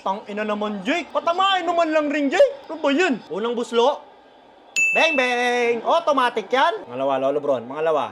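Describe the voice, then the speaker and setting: A man's voice: very high-pitched, big pitch swings, moderate pace, noisy background. A man reacting live to a basketball game as a fan, calling out players, swearing and laughing at the plays.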